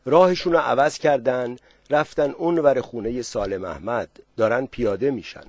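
A man's voice: medium pitch, darkish tone, no room sound, close to an everyday voice. A man voicing the headman's young son, hurriedly reporting what he has seen.

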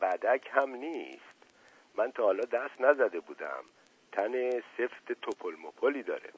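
A man's voice: medium pitch, expressive, slightly rough. A man doing a sly flirtatious uncle. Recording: tinny radio broadcast.

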